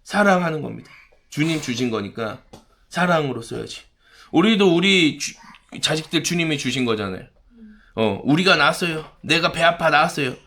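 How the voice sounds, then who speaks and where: A male pastor delivers a sermon with dramatic energy, slipping into other voices to act out scenes. His pitch leaps up and drops low all the time. His voice sits a little on the high side. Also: moderate pace. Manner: animated, dramatic, acts out voices.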